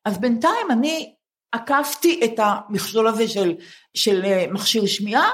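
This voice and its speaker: Wry teasing woman in her seventies, higher voice. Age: 70s. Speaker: podcast co-host. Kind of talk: comic storytelling chat. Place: live podcast taping before residents of a residential building.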